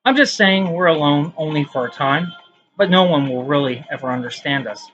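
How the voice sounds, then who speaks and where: A man's voice: a little high, animated, normal speed, fairly bright tone, highs cut off. A man reading his own poems aloud in a casual vlog, with rambling, self-mocking asides between them.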